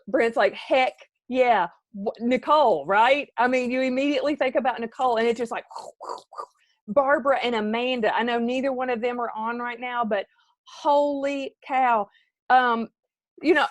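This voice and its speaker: Lively woman with a drawl. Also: on the high side, no room sound. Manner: animated, talks straight to viewers by name. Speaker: team leader. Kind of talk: motivational live video talk.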